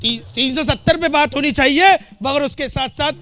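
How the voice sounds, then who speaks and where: A man's voice: very high voice, normal speed, fairly bright tone. A male farmer in an outdoor public debate, arguing passionately and raising his voice. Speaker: farmer and party supporter in a debate.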